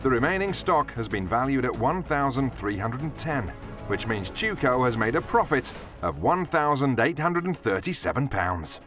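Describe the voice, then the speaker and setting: A man's voice: medium pitch, sing-song, normal speed, music in the background. A man reading scripted narration for a television documentary.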